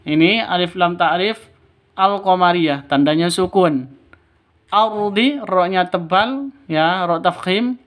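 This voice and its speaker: A man teaching beginners to read the Quran, chanting verses slowly and then explaining each rule, correcting himself and repeating examples. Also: high voice. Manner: alternates slow drawn-out chanted recitation with brisk explanations. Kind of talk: step-by-step recitation lesson for beginners.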